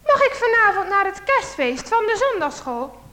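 An eager six-year-old boy pleads his case in a high, bouncing voice, as a woman puts him on in a storybook reading. The sound rings on in a long, echoing hall. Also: very animated, normal speed, sharp tone, exaggerated voice. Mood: pleading.

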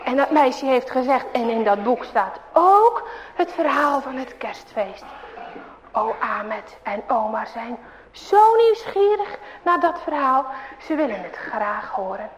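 Woman reading a children's story, high and lively, long hall echo. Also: slow. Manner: animated, expressive.

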